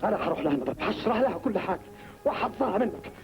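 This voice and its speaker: A man's voice: sits high, lively intonation, very fast. An earnest, reproachful young man. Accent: Egyptian Arabic. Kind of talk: 1950s Egyptian film acting. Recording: dull 1950s film soundtrack with music.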